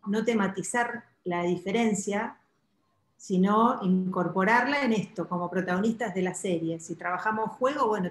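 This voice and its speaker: This is a woman with an Argentine accent talking through a video call, her voice carrying a clear echo from the room around her. She speaks thoughtfully, using fillers and often restarting her sentences. Her pitch sits at an ordinary middle level. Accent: Argentine Spanish. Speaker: guest speaker. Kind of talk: conference talk over video call. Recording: roomy echo.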